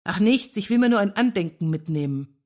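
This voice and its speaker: A woman's voice: medium pitch, a little fast, natural voice. A woman voicing a cheeky young woman. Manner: cheeky, lively. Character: bold, mischievous young woman.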